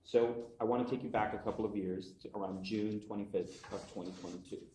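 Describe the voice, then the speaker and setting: A man questioning a witness as prosecutor in a measured way, heard in a courtroom recording. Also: on the low side, steady tone, warm tone, slight background noise. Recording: echoey courtroom audio.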